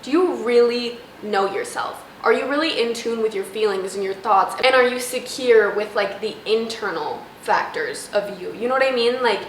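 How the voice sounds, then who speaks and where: A woman's voice: fairly high pitch, normal speed, hardly any pauses. A young woman talking casually in a vlog, giving informal girl-talk advice with lots of "like". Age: young adult. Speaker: vlogger. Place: indoors at home, downstairs near a running oven. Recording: roomy echo, faint background noise.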